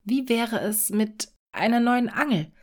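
A woman's voice: on the high side, expressive, a little slow, darkish tone, pitched above the performer's own voice. A woman voicing a poor, modest fisherman in a fairy-tale reading, in a plain, sensible tone. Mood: plain, hopeful.

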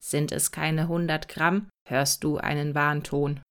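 Ein geduldiger, watschelnder Fabrikroboter, den eine Frau spricht, mit tiefer gesetzter, ruhiger Stimme. Er erklärt sachlich und belehrend. Die Stimme klingt etwas gedämpft und gleichmäßig. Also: female voice, sits low, level tone, unhurried, clean tone, pitched below the performer's own voice. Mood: instructive. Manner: patient, instructive. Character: calm waddling male factory robot.

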